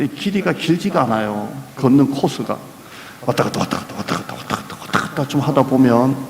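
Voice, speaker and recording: A man's voice: medium pitch, darkish tone. A man preaching a sermon as pastor, emphatic, repeating key phrases and asking the congregation questions. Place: church sanctuary. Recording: echoey church hall with long reverb.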